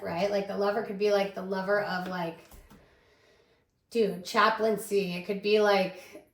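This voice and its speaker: A woman's voice: medium pitch, roomy sound. A woman giving a casual tarot reading, rambling and thinking aloud with lots of fillers. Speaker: tarot reader.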